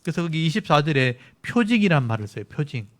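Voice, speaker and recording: A man preaching a midweek sermon, his voice sitting slightly high for a man. He reads a verse aloud and then explains it plainly, often pointing his listeners to the next verse. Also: sing-song, fast, a bit bright. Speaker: pastor. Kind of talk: expository sermon at a midweek service.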